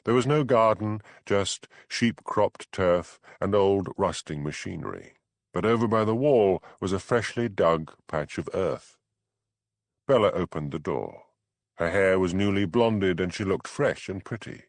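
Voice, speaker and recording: Male audiobook reader, low and lively, close dry studio sound. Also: a little slow, no room sound. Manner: expressive, dramatic. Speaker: audiobook narrator. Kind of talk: scripted narration.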